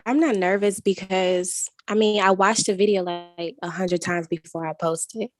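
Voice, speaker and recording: A woman's voice: mid-range voice, fairly even intonation, moderate pace, no room sound. Blunt, casual woman from Chicago. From Chicago, USA. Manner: blunt, casual, swears freely. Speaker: guest content creator. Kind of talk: casual group interview.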